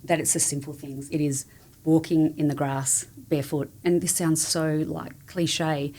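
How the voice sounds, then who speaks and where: A woman with a low-pitched voice talks as a guest in a relaxed interview. She is candid and earnest, speaking in an affirming, conversational way. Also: measured pace. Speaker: podcast guest, family support coach.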